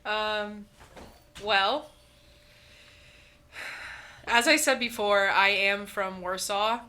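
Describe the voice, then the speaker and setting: Slow-talking bright young woman. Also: medium pitch, fairly even intonation. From Indiana. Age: 20s. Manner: blunt, laughing, with frequent ums. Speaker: podcast co-host. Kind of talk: casual chat.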